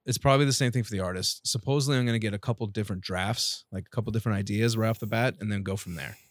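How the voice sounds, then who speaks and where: A man co-hosting a casual podcast, relaxed and agreeable, often saying "yeah" and "listen". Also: fairly low pitch, rapid-fire, no echo, clean studio sound. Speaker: podcast co-host and author.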